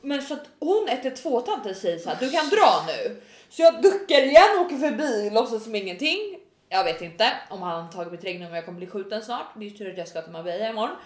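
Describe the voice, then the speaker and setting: A woman in her twenties co-hosting a podcast in casual chat, telling a story with energy and acting out her own shouts. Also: medium pitch, lively intonation. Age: 20s. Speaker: podcast co-host. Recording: echoey room.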